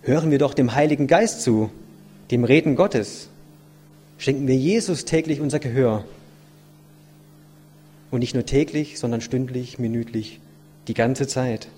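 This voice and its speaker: A man's voice: medium pitch, measured pace, long pauses, mellow. A man giving an earnest, reflective sermon, asking his listeners many rhetorical questions. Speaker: lay preacher. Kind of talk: sermon with a read-aloud story.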